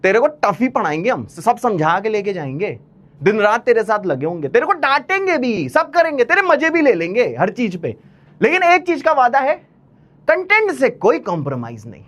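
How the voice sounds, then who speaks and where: A man's voice: very high-pitched, wildly swooping pitch, moderate pace, fairly bright tone. A male maths teacher giving an online lecture, chatty and teasing, pushing his students with blunt encouragement. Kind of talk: online maths lecture, motivational pep talk.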